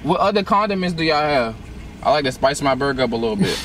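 A man's voice: fairly high pitch, expressive, fast talker. Young guy rambling in slang at a drive-thru, voice jumps around a lot, noisy car. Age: young adult. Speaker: prankster customer. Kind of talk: casual drive-through prank chat. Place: inside a car at a drive-through. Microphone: handheld camera in the car.

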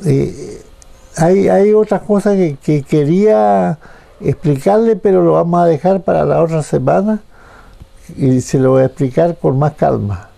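A man preaching a radio sermon, telling a Bible story slowly and haltingly. His voice is very dark, with a gravelly fry, sitting a little above the usual pitch. He keeps repeating words as he feels his way forward. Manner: halting, repeats words, acts out the quoted speakers in a higher voice. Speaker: pastor.

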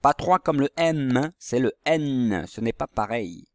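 Man, teacher, handwriting lesson for small children, very slow, patient, dry close sound. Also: medium pitch, expressive, no room sound. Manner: slow, patient, step-by-step instruction. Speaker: primary school teacher.

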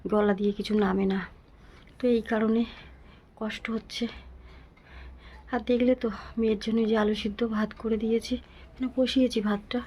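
A woman vlogging from home to her viewers, talking in a weary, pleading, soft way with a sore throat. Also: mid-range voice, muffled recording, slight background noise. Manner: weary, pleading, speaks softly. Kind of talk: casual vlog talk to viewers.

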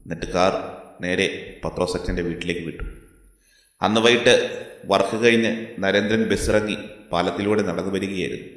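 A man's voice: low voice, steady tone, fairly quick, long pauses. A man steadily narrating a crime thriller story, in an echoey room. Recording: echoey room with long reverb.

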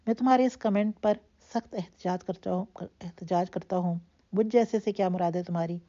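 A woman voicing a confident young husband who speaks calmly and mockingly, in a dull lo-fi recording. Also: mid-range voice, close to an everyday voice. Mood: playful. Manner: calm, assured, mocking. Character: confident teasing young husband, cool and unyielding. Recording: dull lo-fi audio.

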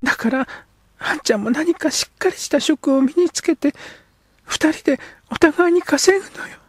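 A man doing a young edo girl, breathy and earnest. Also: very high-pitched, moderate pace, dry recording, pitched above the performer's own voice. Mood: pleading, earnest. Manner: pleading, breathy half-whispers. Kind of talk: audiobook character voice.

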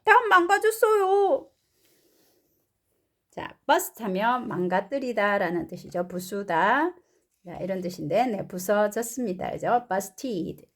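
A woman's voice: medium pitch, unhurried. A woman English teacher reading a picture book aloud and patiently explaining words and pronunciation.

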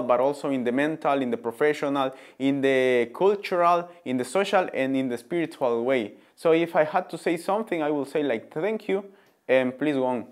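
A man in his twenties from Ecuador with a Spanish accent, answering interview questions thoughtfully with many fillers, seated in a studio. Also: on the high side. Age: 20s. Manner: thoughtful, hesitant with frequent fillers. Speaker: interviewed student. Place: indoor studio before a printed backdrop.

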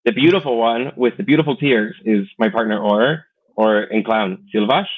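A man's voice: lowish voice, slightly rough. A man in his thirties with an American accent, chatting playfully as a guest on a video call. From United States. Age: 30s. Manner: chatty, playful, quick asides. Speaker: guest, teacher and clown. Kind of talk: casual video call interview. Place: small room indoors. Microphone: video call webcam. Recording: tinny phone-like video call.

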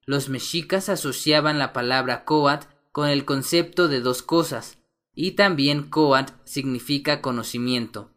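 Slow, deliberate male language teacher. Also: medium pitch, fairly bright tone. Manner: slow, careful enunciation of vocabulary.

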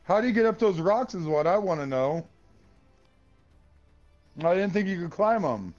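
Slightly high-voiced man, slangy gamer chat. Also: expressive, normal speed, darkish tone, muffled recording, faint music behind. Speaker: gaming teammate. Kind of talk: casual gaming chat.

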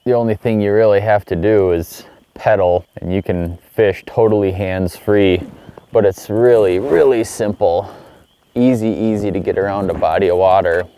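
Brief: middle-aged male fishing host, low mellow voice, easygoing outdoor how-to. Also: moderate pace. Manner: relaxed, upbeat, excited exclamations when fish bite. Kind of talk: casual on-the-water fishing tutorial. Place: outdoors on a kayak on a small lake.

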